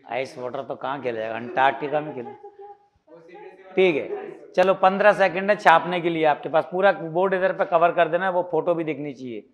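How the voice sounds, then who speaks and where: A man's voice: on the high side, normal speed, dull audio. A man from India teaching a physics class, quizzing students with repeated questions and teasing asides, mixing English terms into Hindi. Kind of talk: classroom lecture.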